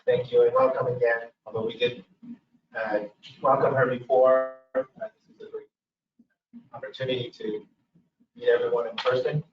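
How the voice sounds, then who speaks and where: A man chairs a formal commission meeting and moves through the agenda with frequent "uh" pauses. His pitch rises and falls a lot. He sounds far from the mic in an echoey room, with a dull tone and faint noise behind him. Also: wildly swooping pitch.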